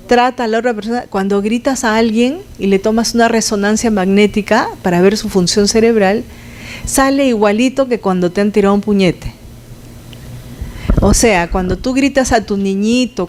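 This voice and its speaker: A woman's voice: medium pitch, a little mellow, a little hiss or hum. Woman lecturing a class. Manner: conversational, asks the class questions, sound effects like "pum". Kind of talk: lecture to health students.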